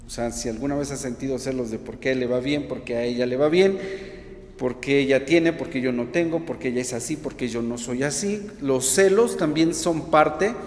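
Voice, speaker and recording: A man's voice: mid-range voice, normal speed, a little mellow. A man leading prayer and then preaching a sermon to a church women's group, often checking in with his listeners. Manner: prays then teaches, asks the audience questions. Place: church hall. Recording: echoey hall, long reverb.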